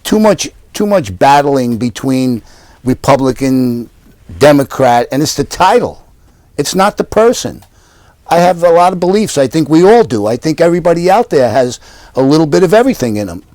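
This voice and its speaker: In his living room, an older council candidate from Yonkers, New York, answers interview questions in an earnest, repetitive campaign style. His voice is fairly high and a little mellow, with big pitch swings and a moderate pace, and the recording has no echo.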